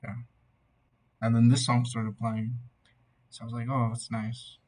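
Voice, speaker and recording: A young man giving a casual, tipsy album reaction in a loose, meandering, slightly husky way. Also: medium pitch, monotone, measured pace, darkish tone. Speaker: amateur music reviewer.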